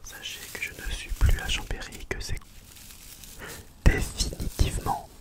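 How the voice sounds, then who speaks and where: An ASMR host chatting casually in a breathy, unvoiced whisper, slowly repeating words and phrases. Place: at home, sitting on the floor.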